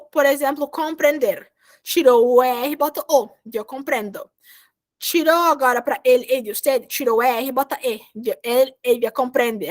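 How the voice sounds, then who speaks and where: A woman teaching a Spanish grammar class over a video call, explaining verb endings patiently step by step and repeating herself often. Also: sits high.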